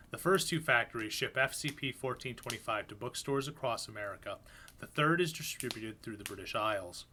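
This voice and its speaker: A man doing a live reading of horror fiction, narrating in a low-key, even voice with casual asides between pieces. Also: slight background noise. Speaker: reader.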